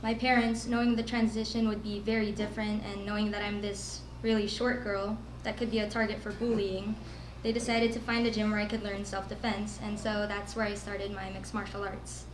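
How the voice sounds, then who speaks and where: A teenage girl from the Philippines delivers an earnest prepared speech as a student speaker at a school event, laughing nervously now and then. Her mid-range voice is flat and brisk with hardly any pauses, and the echoey room carries faint ambience and background noise.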